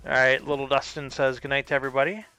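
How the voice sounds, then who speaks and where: Man, casual live game commentary, gravelly voice, bright edge, thinking aloud, faint music behind. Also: medium pitch, flat delivery, fast. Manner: thinking aloud, puzzled and musing over the opponent's moves. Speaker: streamer.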